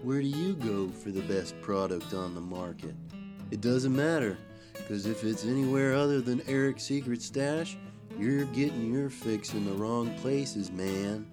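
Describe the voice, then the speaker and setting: A man playing a laid-back, slangy male pitchman reading an ad. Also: measured pace, close to an everyday voice. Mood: hustling. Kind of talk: radio-style ad read. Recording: ad read over guitar music. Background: guitar music.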